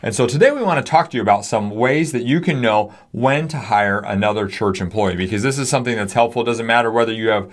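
A man's voice: medium pitch, lively intonation, fast talker, few pauses. Man in his forties with a mid-range voice, an earnest pastor explaining on a studio podcast. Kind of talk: casual podcast discussion. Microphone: studio mic on stand.

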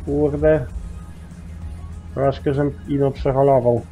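A man's voice: mid-range voice, level tone, slow pace, warm tone, faint music behind, rough recording. Rambling man chatting over a farming game. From Poland. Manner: rambling, peppers speech with mild swearing fillers. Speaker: gaming YouTuber. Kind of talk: casual farming-sim commentary.

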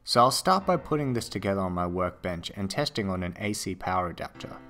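Low-voiced man narrating a tech tutorial. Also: fairly quick, faint music behind. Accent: Australian. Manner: steady, explanatory. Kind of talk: scripted voice-over narration.

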